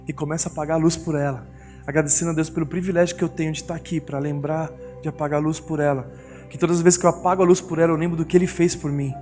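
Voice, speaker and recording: A middle-aged pastor with a Brazilian Portuguese accent preaches a sermon in a church hall, telling family stories and acting out the voices of his wife and children. His voice is fairly high-pitched and a little mellow. The long reverb of the church hall carries along with music.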